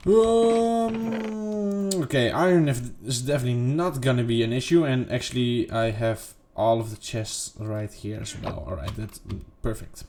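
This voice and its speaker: Against a noisy background, a gaming video creator gives casual, unedited commentary on his gameplay at normal speed with few pauses. He rambles and second-guesses himself, filling gaps with lots of fillers and "boom."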